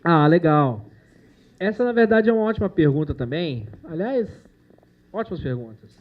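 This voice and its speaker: A man's voice: fairly high pitch, lively intonation, normal speed, phone-quality sound. A man who produces animation, giving a casual, joking talk to university students, full of slang and the odd curse. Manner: chatty, jokey, with slang and swearing. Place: university lecture room.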